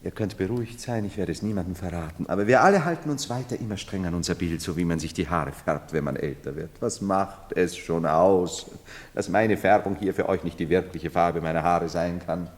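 A grandiose, half-mad would-be emperor, played by a man in a 1970s radio drama. The voice sits low and carries a long hall reverb. He lurches from loud, impassioned pleading to hushed, confiding murmurs. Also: fairly quick, natural voice. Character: man who believes he is emperor, feverish, grandiose. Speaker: title role in radio play.

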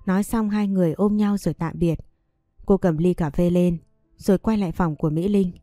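A woman narrating a scripted story in a calm, even way. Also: on the low side, fairly quick, no echo, studio quality, soft background music.

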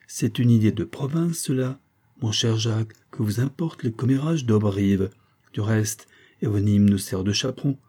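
A man reading a story voices a capricious, quick-tempered young woman who turns pleading and coaxing. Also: on the low side, warm tone, slightly rough. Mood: teasing, defiant.

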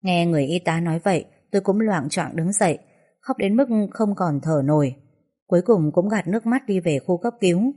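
Woman, storyteller, first-person sad tale, mellow, breathy, lowish voice. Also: lively intonation, brisk. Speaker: narrator.

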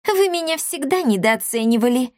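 A woman's voice: high voice, expressive, takes it slowly, a bit bright, dry recording, clean studio sound, voice pushed up, full character voice. Woman doing a smug sneering traitor boy. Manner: sneering, haughty.

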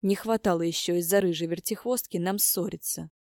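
A woman voicing a brisk, sarcastic young woman who bosses her friends around. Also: on the low side, steady tone, darkish tone, no room sound, studio quality, lightly acted. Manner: sarcastic, bossy.

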